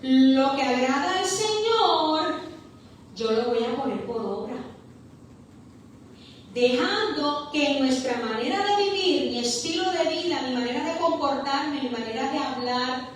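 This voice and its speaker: A woman's voice: sits high, a little hiss or hum. A woman pastor preaching a passionate sermon, stretching out her key words. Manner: impassioned preaching, drawn-out stressed words. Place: church hall. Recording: echoey church hall heard from far off.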